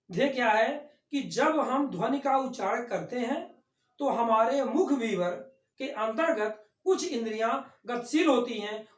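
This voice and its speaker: A woman teaching an online class, explaining terms by asking questions and then answering them herself. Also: on the high side. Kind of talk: online lecture on Hindi phonetics. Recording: echoey room.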